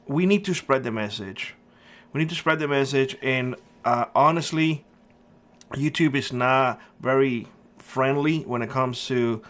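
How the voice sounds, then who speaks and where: A middle-aged Cuban man hosting a prepper channel gives a casual opinion monologue to camera. His voice is medium-pitched and fairly bright, and he talks earnestly and emphatically with frequent fillers.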